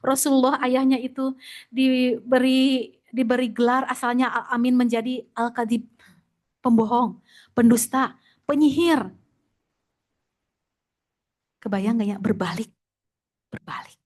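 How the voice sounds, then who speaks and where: A middle-aged woman gives a religious talk to an audience of women. Her voice sits a little high, and she tells the story with feeling, sinking to a hushed whisper at sad moments and climbing to exclamations at others. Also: measured pace, pauses often. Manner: animated storytelling, dropping to whispers and rising to exclamations. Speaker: Islamic teacher.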